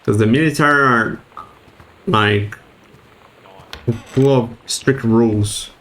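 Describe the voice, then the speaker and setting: Man haltingly reading notes in a playthrough. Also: medium pitch, fairly bright tone, rough recording. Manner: reads in-game notes aloud haltingly, stumbling over words. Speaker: game streamer. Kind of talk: casual let's-play commentary.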